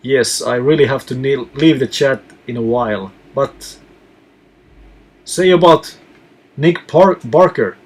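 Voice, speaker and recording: A man from Finland who reads out viewer questions and answers them in a relaxed live chat as a touring musician. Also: medium pitch, takes it slowly, long pauses, husky.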